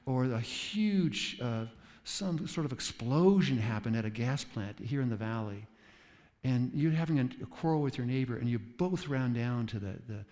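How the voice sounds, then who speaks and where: Animated male preacher in a reverberant hall. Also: moderate pace. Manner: animated, acts out quoted voices with big pitch jumps. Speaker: pastor. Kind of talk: sermon. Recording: long reverb of a large hall.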